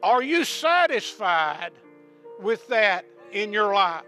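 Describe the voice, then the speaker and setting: A man preaching a sermon, repeating questions to the congregation and ending in a hushed prayer. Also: high-pitched, big pitch swings, slow, soft background music. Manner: rising to shouts of praise, then hushed prayer.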